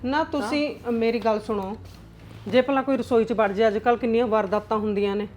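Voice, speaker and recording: A woman's voice: on the high side, fairly even intonation, brisk, darkish tone, faint music behind, close to an everyday voice. A woman acting as a scheming, nagging middle-aged mother-in-law who lectures and scolds in a family drama. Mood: lecturing.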